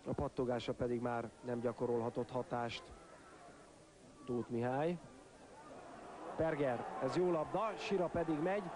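A man's voice: mid-range voice, fairly even intonation, pauses often. A man giving sports commentary on a football match in clipped phrases, naming players and lifting his voice at chances. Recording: stadium crowd noise behind commentary. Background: football crowd.

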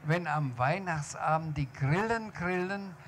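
A man's voice: a little high, unhurried, a bit bright, slight background noise, voice pushed up. A man voicing a modest, courteous grown-up man who likes to rhyme. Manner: modest and polite.

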